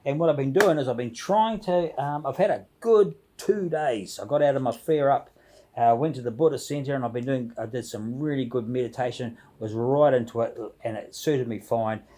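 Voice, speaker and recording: A man's voice: mid-range voice, moderate pace, warm tone. A man chatting casually and ramblingly to camera as a video blogger, with a jovial, informal, slangy way of talking.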